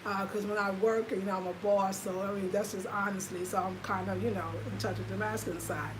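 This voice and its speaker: With a noisy background behind her, a lifestyle vlogger chats to her livestream audience in a casual, confiding way that's heavy on fillers. She is in her fifties, has an American accent, and her mid-range voice moves fairly quickly with fairly even intonation.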